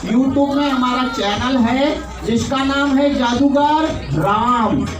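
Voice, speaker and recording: A man's voice: very high voice, slow pace, a crowd in the background. A man with an Indian accent performing as a children's party magician, giving live show patter and chanting magic words to his audience. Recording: echoey, distant mic, noisy event.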